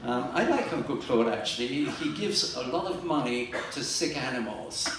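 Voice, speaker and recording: An older man doing stand-up comedy at a live fundraiser, telling dry jokes with pauses and fillers. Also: mid-range voice, expressive, fairly bright tone. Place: library fundraiser event room. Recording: echoey room from far off, noisy.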